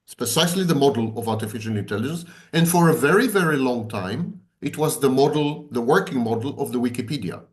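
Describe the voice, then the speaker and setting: A man's voice: medium pitch, quick pace, few pauses. A man, speaking as a psychology expert in an emphatic, repetitive, sardonic conversational lecture. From Israel.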